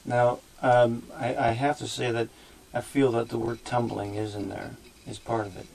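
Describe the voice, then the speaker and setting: A man working as a remote viewer, describing his impressions in a halting way and searching for words with many fillers. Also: mid-range voice, level tone, vocal fry, darkish tone, slight background noise, poor audio.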